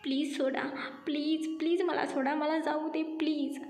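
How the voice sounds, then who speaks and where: A woman's voice: sits high, flat delivery, normal speed, a little mellow, pitched above the performer's own voice. Frightened tearful young woman, as a narrator reads her. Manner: tearful, pleading. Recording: echoey room with faint music.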